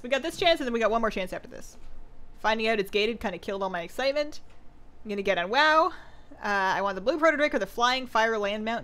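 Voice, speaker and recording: Her voice sits on the high side with a slight brightness. She's a streamer chatting casually with viewers as she games, sounding a little worn after two hours of talking, reading their questions aloud and filling her speech with "like" and "um."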